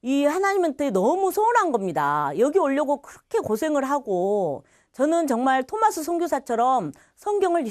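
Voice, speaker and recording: A middle-aged woman from Korea recounts her faith testimony in a lively storyteller's manner, slipping into the voices of the people in her story. Her voice sits a little high and moves through a wide, expressive range. The sound is close and dry, with almost no room around it. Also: no room sound. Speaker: church testimony speaker.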